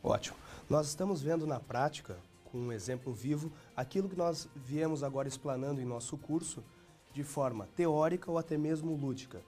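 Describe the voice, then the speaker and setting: Formal male course interviewer, mellow and a bit high, off-mic, faint music behind. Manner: formal, measured.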